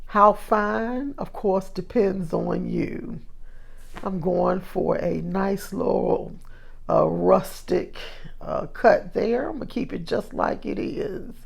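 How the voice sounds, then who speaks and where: Woman cooking host, homey and chatty, unhurried delivery, gravelly voice, home kitchen. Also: mid-range voice. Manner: chatty, homey, with frequent fillers. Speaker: cooking vlogger. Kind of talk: casual recipe demonstration.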